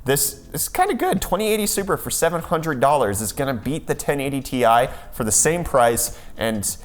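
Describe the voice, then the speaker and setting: A man rattling through a casual tech news rundown at a middle pitch. He is sarcastic and links each story with a jokey segue. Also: big pitch swings, normal speed.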